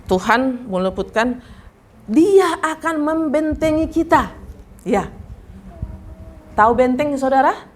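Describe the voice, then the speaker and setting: Woman pastor preaching in church, bit high voice, animated, keeps asking the congregation stuff, little bit of hiss behind. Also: slow pace, pauses often. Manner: animated, questions the congregation directly. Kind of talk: sermon. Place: church service.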